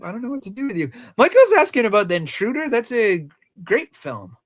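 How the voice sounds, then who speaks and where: With an extremely high pitch, big swings in intonation and a fairly quick pace, this man jokes and teases as co-host of a movie countdown show. He has a Rhode Island accent and the chat is casual film talk.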